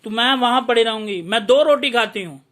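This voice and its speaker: Elderly mother, soft-spoken and pleading, voiced by a man telling a story; high, bright tone. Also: brisk. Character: elderly mother, pleading, devoted to her son.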